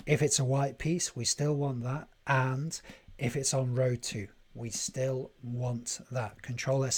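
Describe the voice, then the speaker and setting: A man hosting a live coding tutorial stream, thinking aloud in a deliberate way and chatting to viewers as he works. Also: mid-range voice, a little mellow, husky. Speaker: livestream coding host.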